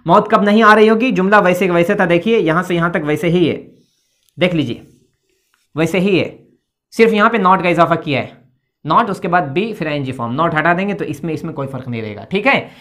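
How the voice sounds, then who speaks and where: Brief patient low-voiced woman teaching grammar. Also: animated, fairly quick, a bit bright. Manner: patient, repeats "okay" after each step and spells words letter by letter. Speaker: English teacher. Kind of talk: explaining grammar at a board. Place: indoor classroom with a board.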